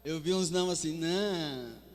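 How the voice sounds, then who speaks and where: A man preaching a sermon with fervor, his delivery swinging between soft and loud. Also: a little high, lively intonation, brisk. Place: church hall. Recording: long hall reverb with faint music.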